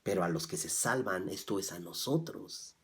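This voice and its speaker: A man preaching a sermon as pastor. He drops to soft, low asides, then rises loudly when he reads scripture, and he asks his listeners rhetorical questions. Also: lively intonation, moderate pace. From Mexico. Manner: swings from soft, low asides to loud, raised scripture reading.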